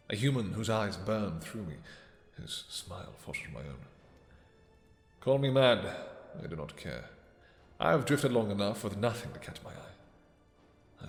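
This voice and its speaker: In a romantic fantasy roleplay, a man voices a possessive, lovesick vampire king whose formal, halting, commanding endearments often sink to a breathy near-whisper. His voice sits low and reverberates as if in a large hall, and he sounds impassioned and demanding.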